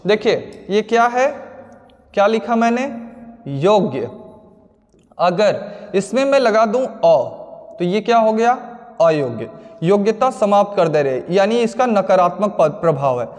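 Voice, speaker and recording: High-voiced male teacher, echoing hall. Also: animated, measured pace. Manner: explains step by step, asks and answers his own questions. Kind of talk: exam-prep grammar lesson. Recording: long hall reverb.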